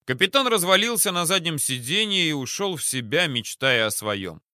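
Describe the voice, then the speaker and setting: A man reading a first-person novel aloud in a calm, measured way, with menacing understatement. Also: fairly high pitch, no room sound, clean studio sound. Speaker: audiobook narrator. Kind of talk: scripted first-person audiobook narration.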